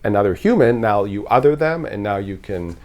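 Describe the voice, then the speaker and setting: A man's voice: on the low side, lively intonation, brisk, darkish tone. A man from Canada, a podcast guest, talking in a thoughtful, rambling way with frequent restarts. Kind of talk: casual conversational interview.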